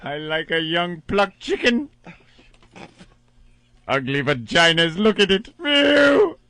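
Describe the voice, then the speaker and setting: A prissy older villain for a radio comedy bit. The delivery is hammy stage acting, very high and bright, swooping widely between fussy drawl and overwrought shriek. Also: male voice, very animated, takes it slowly, dry recording, full character voice. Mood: creepy, fussy. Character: prissy, hysterical, lecherous older male villain, a TV doctor.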